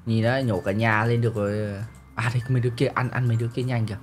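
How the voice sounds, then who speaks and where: A man's voice: mid-range voice, fairly even intonation, rapid-fire, over loud music. A young man, boasting, teasing and laughing through playful gameplay commentary. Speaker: gaming streamer.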